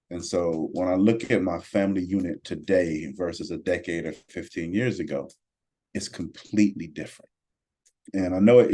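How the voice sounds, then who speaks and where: Man, 40s, very deep mellow voice, earnest and reflective, measured podcast talk. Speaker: podcast co-host.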